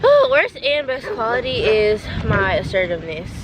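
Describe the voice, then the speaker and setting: A woman's voice: a little high, huge pitch swings, normal speed, a crowd in the background. A young American woman with a rowdy party-girl manner, chatting casually in blunt, slangy, sweary talk for a Q&A. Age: young adult. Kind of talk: casual Q&A chat. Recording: noisy outdoor ambience.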